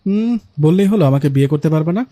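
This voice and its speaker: A man's voice: a little high, expressive, fast, warm tone, no echo, lightly acted. A man voicing a dramatic, scheming young woman in a spoken Bengali ghost story. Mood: teasing.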